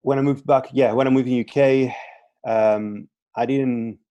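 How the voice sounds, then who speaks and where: This guest, a Greek strength and conditioning coach from Crete in his thirties, chats on a casual podcast in accented second-language English, often hesitant, repeating himself and filling pauses. His medium-pitched, dark voice keeps fairly even intonation at a moderate pace. The audio is dull, with no echo.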